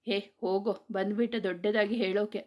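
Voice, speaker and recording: A woman's voice: medium pitch, steady tone, fairly quick, lo-fi sound, lightly acted. A woman voicing a cheeky young married sister who talks back playfully. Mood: teasing. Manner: teasing, playful back-talk.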